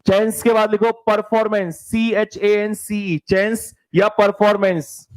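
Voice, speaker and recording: A man with an Indian English accent runs a live online spelling lesson, spelling out each word one letter at a time. His voice sits high for a man and his delivery is slow and drawn out. He keeps pressing students to hurry, calling them "beta". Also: little pitch movement, poor audio. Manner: brisk, urging students to answer fast, spells words letter by letter; calls students "beta" and "bhai", reads out their comments. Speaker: English grammar teacher.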